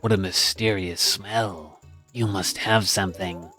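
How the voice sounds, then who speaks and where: A man's voice: low voice, fairly even intonation, measured pace, bright, forceful tone, slightly rough, faint music behind, full character voice. A man voicing a blunt, demanding old potion-shop crone in an amateur video game voice-over. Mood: scornful. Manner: blunt, commanding.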